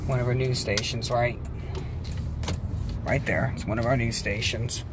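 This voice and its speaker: An American man thinking aloud in an unhurried, casual way as he gives a rambling driving commentary. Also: medium pitch, fairly even intonation. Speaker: vlogger driving. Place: inside a moving car. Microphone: handheld phone. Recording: loud car and road noise.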